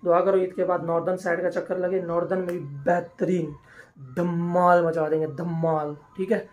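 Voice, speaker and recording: The highs are cut off in this noisy handheld phone recording of a young man from Pakistan with a high, darkish voice, speaking at a normal speed in a level tone. The vlogger chats casually and calls viewers "brother" as he makes a shake in his kitchen, then waits in his car at a drive-through. His manner is relaxed and talkative.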